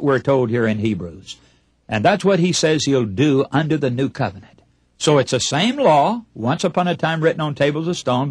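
A man's voice: on the high side, slightly rough, no room sound, clean studio sound. A man preaching a broadcast Bible sermon, emphatic and putting rhetorical questions to his listeners. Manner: acts out short imagined dialogues. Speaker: radio preacher.

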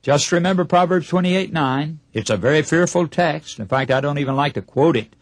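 A slightly high, brisk male voice with no echo belongs to a radio preacher. He delivers an emphatic broadcast sermon on the Bible, questioning his audience rhetorically and performing short made-up dialogues.

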